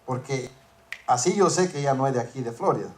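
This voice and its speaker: A man's voice: medium pitch, expressive, fast talker, a little mellow, slight background noise. A man preaching a sermon, telling a workplace story and acting out the dialogue, rising to emphatic peaks. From northern United States.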